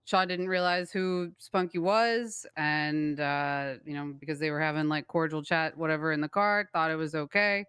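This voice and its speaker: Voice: mid-range voice, steady tone, moderate pace, hardly any pauses, fairly bright tone, smooth, no room sound, studio quality. A person role-playing a gang member in a crime game, explaining in a hesitant, conciliatory way. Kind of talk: improvised role-play in an online crime game.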